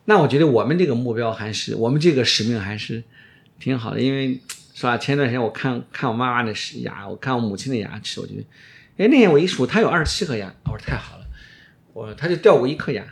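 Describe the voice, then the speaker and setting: A man's voice: mid-range voice, lively intonation, quick pace, vocal fry. A middle-aged man, an orthodontist being interviewed, explaining casually and emphatically, often repeating his phrases. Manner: emphatic, repeats phrases, drops in English words.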